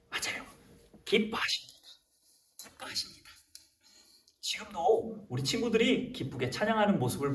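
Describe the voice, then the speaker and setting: A young man, a junior pastor, leading a lively sermon for kindergarten children, coaxing and animated. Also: on the high side. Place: church room. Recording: roomy and distant.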